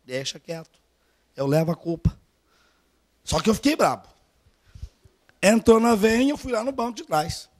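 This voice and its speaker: A man with a Brazilian Portuguese accent preaching a storytelling sermon at a church service, swinging from hushed asides to loud urging. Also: sits high, sing-song, moderate pace, pauses often.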